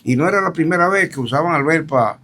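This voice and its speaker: A man's voice: on the high side, fast. An older man with a Dominican accent, a politician guest animatedly retelling events and acting out the dialogue. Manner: animated, acts out quoted dialogue. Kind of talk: storytelling interview.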